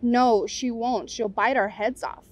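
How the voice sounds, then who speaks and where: A woman's voice: fairly high pitch, steady tone, unhurried. A woman voicing a blunt, skeptical young village woman who speaks doubtfully.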